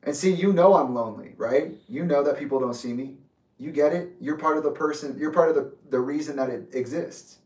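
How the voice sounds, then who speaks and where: A man in his late twenties giving an intense, accusatory personal reflection, speaking deliberately. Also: on the high side, darkish tone. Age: 20s. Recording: echoey room, distant mic.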